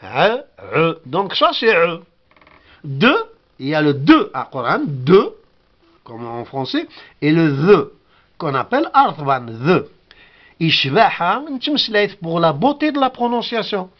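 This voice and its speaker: A man's voice: a little high, very animated, takes it slowly, highs cut off. A man whose first language is Kabyle gives a patient spoken lesson, repeating each word and sounding it out. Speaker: language teacher.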